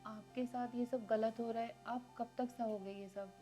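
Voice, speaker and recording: A woman playing a gentle, caring housemaid who speaks in a polite, soft, respectful way. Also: a little high, fairly even intonation, a little slow, lightly acted. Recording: background music under voice.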